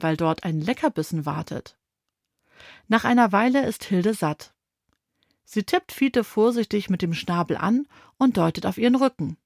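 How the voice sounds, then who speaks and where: Brief: female narrator for a children's audiobook, gentle and clear, dry studio sound. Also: medium pitch, dry recording.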